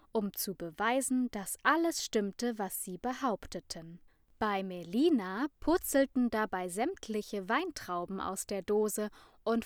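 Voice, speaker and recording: A woman reading a children's story aloud in an expressive storytelling manner. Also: medium pitch, dry recording, studio quality.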